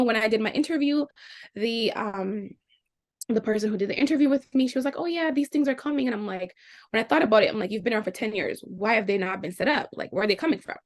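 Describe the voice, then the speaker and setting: A young Jamaican woman appears as a guest in an informal interview, recounting what she's been through in a spirited way. When she quotes how others reacted, her pitch shoots up.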